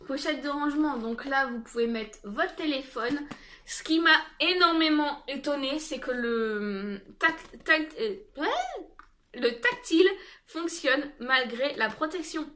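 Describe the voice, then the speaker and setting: A young woman talks casually through a shopping haul, pausing often on fillers and restarting her sentences. Her voice sits high and sounds bright. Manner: chatty, many fillers and restarts. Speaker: haul vlogger. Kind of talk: casual haul video chat.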